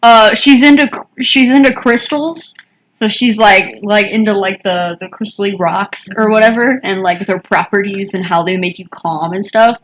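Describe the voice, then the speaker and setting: A woman's voice: medium pitch, fairly even intonation, normal speed, slight background noise, rough recording. A woman co-hosting a casual podcast chat, telling stories and acting out what people said. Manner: storytelling, acts out quoted dialogue. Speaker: podcast co-host.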